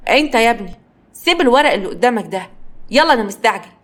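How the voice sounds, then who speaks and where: A woman's voice: a little high, animated, rapid-fire. A woman voicing an overconfident, boastful young man with a teasing manner and an Egyptian accent. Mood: cocky. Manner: cocky, teasing.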